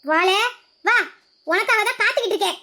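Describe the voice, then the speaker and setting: A performer voicing a nagging, shrill middle-aged village mother, in an audio drama. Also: fairly quick, very noisy. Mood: mocking.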